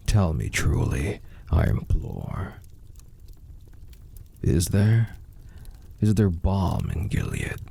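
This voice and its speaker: A man giving a dramatic, brooding recitation of gothic poetry in a gravelly, breathy rasp, drawing out words theatrically. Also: deep voice, dark tone. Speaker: poetry reader.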